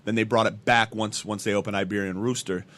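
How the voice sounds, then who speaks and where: In a small indoor room, a man in his thirties sits close to a studio mic with a pop filter and trades casual podcast talk as a guest; he's a hip-hop artist and event promoter. His lowish voice is fairly bright, fairly quick, and fairly even in intonation as he tells sweary, slangy stories with repeated words, and clear room noise sits in the background.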